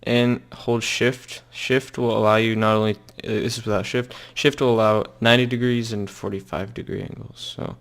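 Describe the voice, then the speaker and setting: A young man talks through his screen tutorial in a loose, halting way, trailing off and restarting often. His voice sits on the low side with a gravelly edge. Keyboard typing can be heard behind him. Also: little pitch movement. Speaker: software tutorial maker. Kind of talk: casual screen-recorded tutorial.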